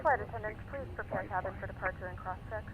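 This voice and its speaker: A woman's voice: medium pitch, quick pace, rough recording. A woman giving a polite, scripted cabin announcement, heard as a playback inside a flight sim. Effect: cabin announcement played inside a flight sim. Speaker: cabin crew.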